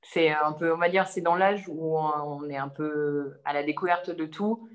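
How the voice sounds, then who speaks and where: A woman's voice: deep voice, fairly even intonation, moderate pace. A young woman from the Savoie region of France, talking casually as an interview guest, hesitant and full of fillers and restarts. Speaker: interview guest, advertising creative.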